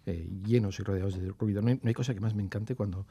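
A man's voice: lowish voice, steady tone, fast, dark tone, slightly rough, dull audio. A man, a regular guest on a radio show, talking in a thoughtful, hesitant way with many restarts. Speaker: radio regular contributor, music institute director. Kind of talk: casual radio chat. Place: radio studio.

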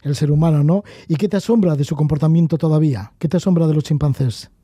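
A man's voice: on the high side, quick pace, mellow, breathy edge, dry recording. A male interviewer asking curious, direct questions.

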